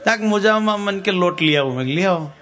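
Over soft background music, a Swaminarayan sadhu preacher gives a devotional katha with sung verses and anecdotes. He talks fast in a high, animated, sharp-toned voice, telling folksy tales and performing the characters' dialogue.

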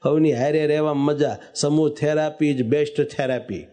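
A man's voice: on the high side, fairly even intonation, normal speed, dark tone. A man preaching a devotional sermon, telling a story and breaking into sung verses. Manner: storytelling, bursts into sung verses, calls out lines.

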